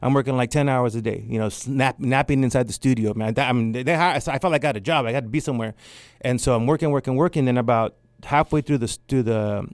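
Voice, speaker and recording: A man's voice: medium pitch, fast talker, few pauses, dry recording. A man from California's San Joaquin Valley, a guest artist telling stories in a casual interview and acting out the people he quotes. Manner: animated storyteller, acts out the people he quotes.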